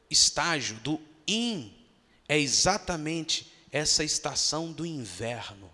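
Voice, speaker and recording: Man preaching in a church hall, high-pitched and lively, with long reverb. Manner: animated preaching, acts out voices of churchgoers. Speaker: pastor. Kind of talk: sermon.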